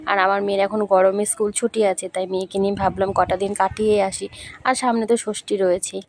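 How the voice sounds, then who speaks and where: A woman's voice: mid-range voice, fairly even intonation, quick pace, a little mellow. A young woman from West Bengal narrating her travel vlog in a friendly way, talking straight to her viewers, with a sore throat. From West Bengal, India. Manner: friendly, addresses viewers directly. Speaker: vlogger.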